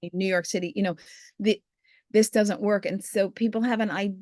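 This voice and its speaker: A woman's voice: medium pitch, steady tone, fairly quick, darkish tone, dry recording, studio quality. A woman being interviewed as a guest, speaking in a talkative, enthusiastic way. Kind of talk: conversational interview.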